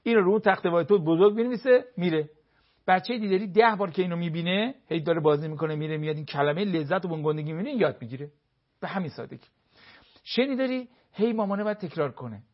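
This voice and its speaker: A man's voice: a little high, highs cut off. A man speaking as a family counselor, explaining with everyday household examples and briefly acting out what spouses say. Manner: lively, acts out spouses' remarks in quotes.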